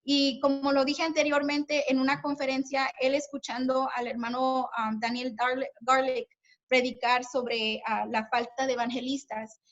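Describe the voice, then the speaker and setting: Over a lo-fi video call, a woman with a high, level voice speaks at a normal speed. She is a guest at a women's church meeting, sharing an earnest personal testimony full of fillers and restarts, and she addresses her listeners as sisters.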